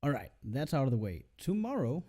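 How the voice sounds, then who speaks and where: A man's voice: mid-range voice, sing-song, a little fast, warm tone, slightly rough. A man hosting a tabletop game stream as game master, talking loosely, swearing and laughing a lot. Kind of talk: casual stream intro.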